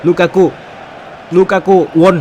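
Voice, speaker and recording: A man giving excited, animated play-by-play commentary on a football video game, with frequent exclamations and a Thai accent. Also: takes it slowly, muffled recording, slight background noise. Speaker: gaming YouTuber.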